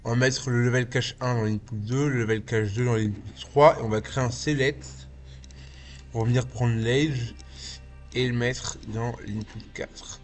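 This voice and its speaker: Slow-talking man with a slight lisp. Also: mid-range voice, fairly even intonation, soft background music. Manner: informal, step-by-step, thinking aloud. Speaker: tutorial host, video artist and VJ. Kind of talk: casual software tutorial. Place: small indoor home studio.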